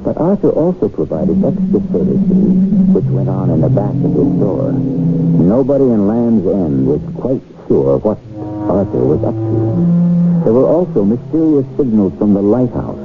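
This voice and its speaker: A man hosting and narrating an old-time radio mystery in a measured, dramatic storytelling manner. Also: fairly low pitch, wildly swooping pitch. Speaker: host and narrator. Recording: muffled old radio recording, loud music.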